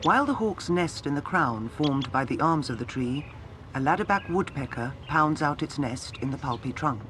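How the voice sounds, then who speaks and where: Higher-pitched male nature documentary narrator. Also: lively intonation, moderate pace, a bit bright, a little hiss or hum. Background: background music.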